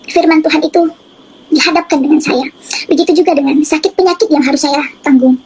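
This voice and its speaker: A woman telling her personal faith testimony in an earnest, halting way, with many fillers and restarts. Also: high voice, rough recording. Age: adult. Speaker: testimony giver.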